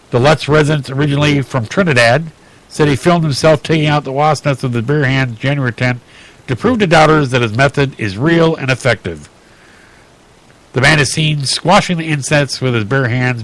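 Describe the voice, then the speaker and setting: A man hosting a radio talk show, reading odd news stories aloud in a chatty, halting way with many fillers and restarts. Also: mid-range voice, a bit bright, low-quality recording.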